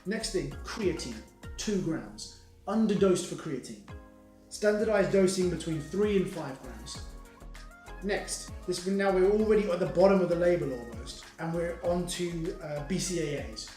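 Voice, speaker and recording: A high-pitched man delivers a blunt, indignant supplement review, cursing without hesitation. His voice rings in a roomy space with faint music underneath. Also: a little mellow. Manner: blunt, indignant, swears freely. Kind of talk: product review rant.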